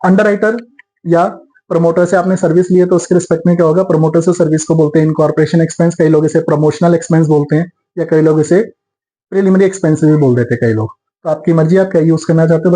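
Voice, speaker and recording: Man, lecturing on accounts, slow dictation of entries, Indian-accented English terms, raised mellow voice. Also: on the high side, low-quality recording. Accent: Indian English terms mixed into Hindi. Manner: explains step by step, slows to dictate entries. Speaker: accountancy teacher. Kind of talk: classroom lecture.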